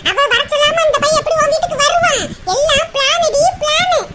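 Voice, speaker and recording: A woman's voice: very high voice, steady tone, a little fast. A woman voicing a meddling, gossiping village neighbour in a cartoon comedy, prying and accusing. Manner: prying, accusing, stirs up trouble. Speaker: cartoon character. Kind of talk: Tamil cartoon comedy voice acting. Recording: loud background noise.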